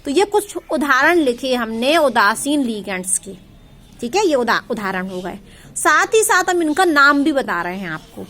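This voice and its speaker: A woman's voice: sits high, very animated, moderate pace, fairly bright tone. A woman teaching a chemistry lesson, repeating terms and quizzing her students with questions. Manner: addresses students affectionately as child. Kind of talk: classroom lecture.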